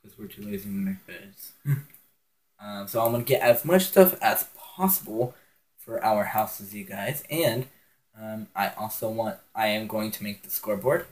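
A man's voice: fairly low pitch, lively intonation, normal speed. A teenage boy at home in his bedroom, rambling and giggling through casual game commentary, recorded on a phone on a stand. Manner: rambling and giggly, with many ums. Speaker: gaming channel host.

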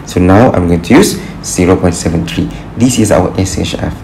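Casting note: male lecturer, deep gravelly voice, patient, thinks aloud, faint hiss behind. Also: normal speed, mellow, rough recording. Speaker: engineering lecturer. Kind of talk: recorded tutorial walkthrough. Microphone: screen recording with voice-over.

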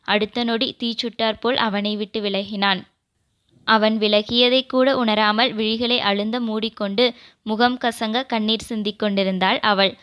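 Woman reading a romance novel aloud, clear smooth voice, steady and expressive. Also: on the high side. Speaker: audio novel narrator. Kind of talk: romance audiobook narration.

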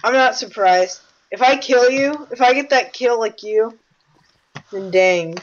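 High-voiced woman gamer, slightly muffled mic. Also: measured pace. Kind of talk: casual gaming chat during play. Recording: dull lo-fi voice chat.

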